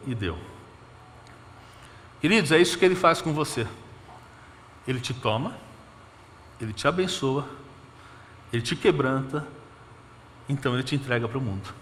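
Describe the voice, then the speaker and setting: A Brazilian man preaches from the pulpit with a Brazilian Portuguese accent, his voice at an ordinary middle pitch. He drops to soft murmured counting, then swells into emphatic appeals to the congregation. The church's long reverb trails each phrase over a faint room hum. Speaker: pastor. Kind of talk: sermon. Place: church sanctuary.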